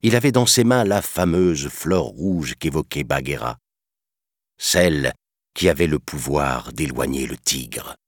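Slow husky male storyteller. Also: extremely low pitch, no room sound, studio quality. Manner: expressive, measured reading. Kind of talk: storybook narration.

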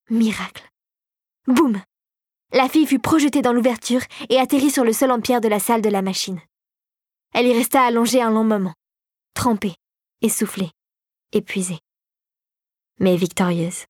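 A woman narrating an adventure storybook in a dramatic, expressive way. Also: fairly high pitch, no echo, clean studio sound.

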